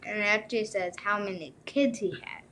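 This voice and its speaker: A woman's voice: mid-range voice, a little fast, a crowd in the background. Casual woman co-hosting, says "like" a lot. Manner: casual, uses "like" and "literally" a lot. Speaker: co-host. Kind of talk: casual chat.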